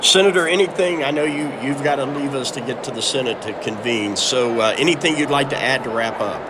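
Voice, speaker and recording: A man with a medium-pitched voice hosts a political interview program. He is recorded in a public building with clear noise around him. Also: fairly quick. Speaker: talk show host. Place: noisy capitol building. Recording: noisy public building, clear background din.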